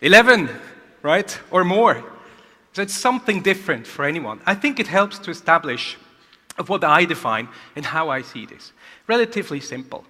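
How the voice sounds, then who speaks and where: Male keynote speaker, energetic, bright and fairly high voice, big echoing conference hall. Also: brisk. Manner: energetic, rhetorical questions.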